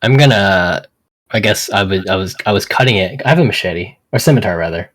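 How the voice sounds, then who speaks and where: A man playing in a tabletop game, talking casually and rambling with lots of fillers, with a husky voice. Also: fairly low pitch, lively intonation, fairly quick, fairly bright tone. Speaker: player.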